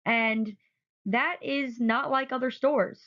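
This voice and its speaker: A woman's voice: fairly high pitch, fairly even intonation, takes it slowly, fairly bright tone. A woman narrating a photo presentation, enthusiastic and often repeating words for emphasis. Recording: dull lo-fi recording.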